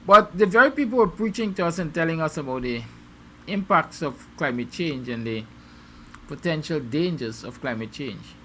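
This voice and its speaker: Guyanese male host, bright forceful tone, rhetorical musing monologue, faint ambience in the background. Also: a little high, animated, moderate pace, a little hiss or hum. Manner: musing, rhetorical questions, sarcastic. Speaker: morning show host. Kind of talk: opinion monologue to viewers.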